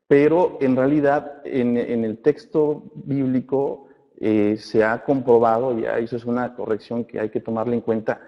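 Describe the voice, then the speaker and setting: Man teaching a Bible class in a hall. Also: medium pitch. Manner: addresses listeners as brothers, asks checking questions; reads scripture aloud slowly. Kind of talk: church Bible class lecture. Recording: muffled recording in a reverberant hall.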